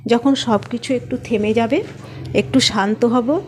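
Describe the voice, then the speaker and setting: A woman's voice: on the high side, fairly even intonation, measured pace, darkish tone, faint music behind, lightly acted. A woman reading as a guarded young husband.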